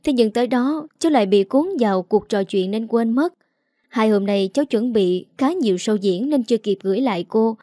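A tearful young model voiced by a woman, stammering out excuses and begging in a slightly raised, quickening voice. The tone is mellow and the recording dry. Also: fairly high pitch, expressive, no room sound, close to an everyday voice. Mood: pleading tearful. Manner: sobbing, pleading, stammering. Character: young female model, tearful, pleading, evasive.

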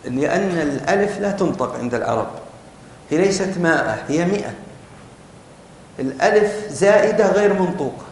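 A man's voice: high voice, expressive, brisk, long pauses, a little mellow. A man teaching a class in a lecture, explaining rules step by step and asking the students questions. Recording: very echoey room with faint noise.

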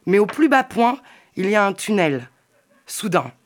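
A speaker reading absurd, rambling poetic text, swinging between playful muttering and louder declaiming. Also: mid-range voice, sing-song, a little slow. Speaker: participant reading on an event radio. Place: makeshift radio at a summer gathering.

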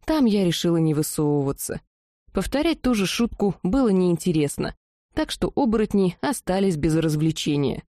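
A woman reading a first-person fantasy audiobook, telling the story in a lively, expressive way. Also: lowish voice, no echo, studio quality. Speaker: audiobook narrator.

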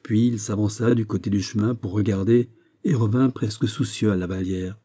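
A man narrating a classic novel as an audiobook, in a measured, even storytelling manner. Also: on the low side.

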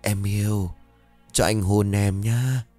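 A man's voice: lowish voice, fairly even intonation, mellow, soft background music. A leering possessed young man, as a man puts him on. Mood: leering, crooning. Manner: slow, sleazy crooning.

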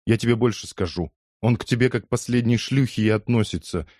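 A man voicing a furious heavy-jawed middle-aged woman, hoarse and spiteful, her voice pushed far higher than his own dark tone. She hurls abuse in a dry, close audiobook reading. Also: a little fast, no room sound, lightly acted. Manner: spiteful, shouting, hoarse with rage.

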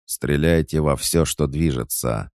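A man voicing a cruel, threatening male bandit boss in an audiobook, menacing and shouting orders. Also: very deep voice, a little slow, no echo, studio quality, pitched above the performer's own voice. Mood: barking orders.

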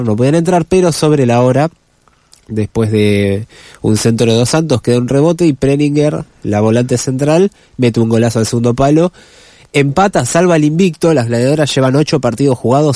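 Hoarse Rioplatense co-host with a cold. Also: male voice, mid-range voice, warm tone, no echo, clean studio sound. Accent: Rioplatense Spanish. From Argentina. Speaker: radio co-host, sports reporter. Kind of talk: casual radio chat and sports report. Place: radio studio.

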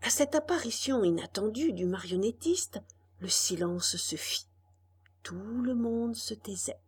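A woman reading a children's storybook aloud with an expressive delivery. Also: a little high, unhurried, husky. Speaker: audiobook reader. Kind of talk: storybook narration.

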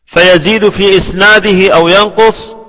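High, bright-voiced man lecturing slowly. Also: fairly even intonation, big-room sound, poor audio. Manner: deliberate, repeats phrases for students to write. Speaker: Islamic scholar teaching hadith terminology. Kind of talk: slow classroom lecture with repetition for dictation.

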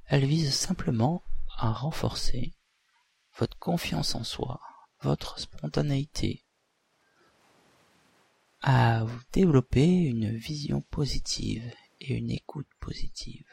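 A man, a hypnotherapist leading a relaxation session in a deliberate, soothing, breathy voice with pauses. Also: medium pitch, darkish tone, no echo. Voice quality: breathy, husky, at times near whisper.

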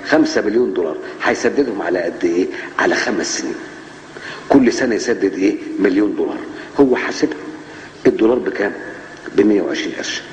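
A man's voice: fairly low pitch, quick pace, slight background noise. A man with an Egyptian accent giving a colloquial religious lesson in a mosque, telling stories and firing rhetorical questions at his listeners. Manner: lively storytelling with rhetorical questions. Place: large mosque hall. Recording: echoey mosque hall, dull old tape.

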